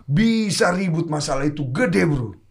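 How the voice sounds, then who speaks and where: A man in casual chat, an animated storyteller who talks in slang and breaks into loud laughter. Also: a little high, a little slow, crowd noise. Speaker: podcast guest.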